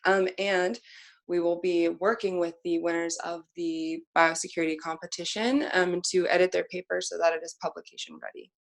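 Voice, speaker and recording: A woman explains plans on a webinar in a measured way, with frequent fillers. Her voice sits fairly low. It stays flat, with little rise and fall. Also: vocal fry. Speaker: program staff on a webinar.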